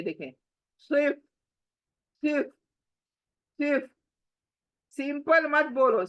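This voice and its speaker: A woman teaching tajweed, repeating each word slowly and mixing English words into her Hindi. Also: fairly high pitch, fairly bright tone, dull audio. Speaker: Quran recitation teacher. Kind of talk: slow tajweed pronunciation lesson.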